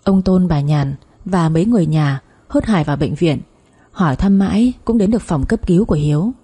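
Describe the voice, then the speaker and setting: Woman reading a drama story, low dark husky voice, steady. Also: fairly quick. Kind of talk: scripted story narration.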